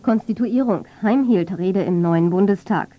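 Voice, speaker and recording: A woman's voice: medium pitch, moderate pace, soft background music. A woman reading scripted radio news in a factual, neutral manner. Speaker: radio newsreader. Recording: dull, band-limited medium-wave radio.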